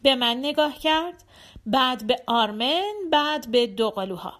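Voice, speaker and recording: A woman narrating an audiobook in a lively, expressive way. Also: high-pitched.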